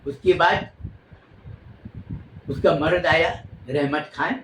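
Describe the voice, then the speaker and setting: A man's voice: fairly high pitch, slow pace, a bit bright, echoey room, slight background noise, rough recording. A man casually telling a long story in spoken style, rambling and often repeating and recapping himself.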